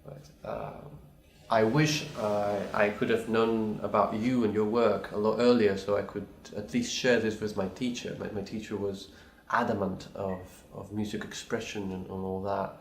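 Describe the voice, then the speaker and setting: Gravelly and fairly low, with little pitch movement, a man talks at a moderate pace. He's a pianist, not a native English speaker, recording a hesitant, thoughtful reply to a video challenge, with many restarts and apologies, in a room with noticeable echo.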